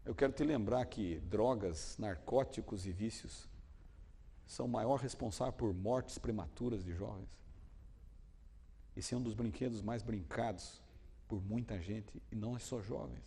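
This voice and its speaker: A pastor preaching a sermon, swinging from loud, dramatic peaks to hushed passages. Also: male voice, lowish voice, a little slow, breathy edge, in a large hall.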